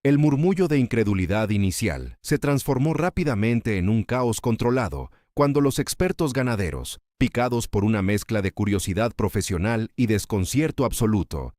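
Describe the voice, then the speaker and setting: A man's voice: lowish voice, a little mellow, no echo, studio quality. A man narrating a scripted dramatic story in a solemn, literary storytelling manner.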